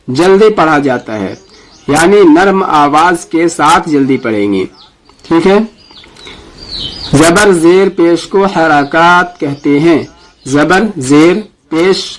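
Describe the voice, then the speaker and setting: A man teaching Quran reading in a Pakistani Urdu accent, explaining briskly and then drilling each letter sound slowly and deliberately. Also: fairly high pitch, slight background noise, poor audio. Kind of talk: Urdu lesson on Arabic letters.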